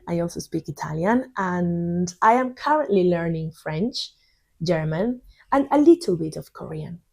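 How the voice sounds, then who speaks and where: Speaking in a mellow, lowish voice with vocal fry, a young southern Spanish woman whose first language is Spanish gives an informal English lesson. She teaches in a reflective, meandering way, filling it with fillers.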